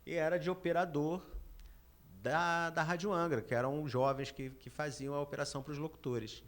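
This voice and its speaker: A man's voice: fairly high pitch, fairly even intonation, normal speed, fairly bright tone. A man in his fifties, a journalist guest, talking through memories of his career with hesitant restarts. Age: 50s. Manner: hesitant, repeats words as he recalls. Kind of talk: casual podcast chat.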